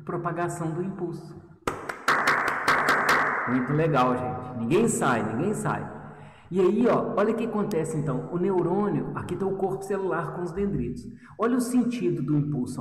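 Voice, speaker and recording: A man's voice: a little high, warm tone, distant mic. A man teaching histology in a chatty, teasing way, talking straight to his students. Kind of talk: lively video lesson. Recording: echoey room, voice from off the mic.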